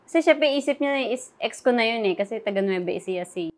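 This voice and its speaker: A young adult woman, an interview guest, softly recounting a painful relationship story and quoting past conversations. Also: on the high side, expressive, a little fast. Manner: soft, recounting quoted dialogue. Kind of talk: emotional personal interview.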